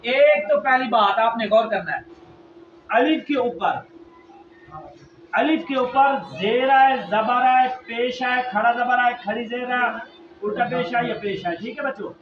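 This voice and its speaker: High-voiced man teaching in an echoey room. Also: measured pace. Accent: Pakistani Urdu. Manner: repetitive questions, drilling answers, loud emphasis. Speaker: Quran reading teacher. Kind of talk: classroom lesson to children. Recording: echoey, distant, muffled, noisy room.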